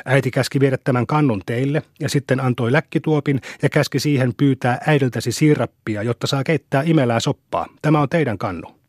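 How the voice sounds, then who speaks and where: A man's voice: mid-range voice, hardly any pauses, a little mellow, no room sound, studio quality, close to an everyday voice. A man voicing a boastful nine-year-old country boy in an audiobook, eager and bragging.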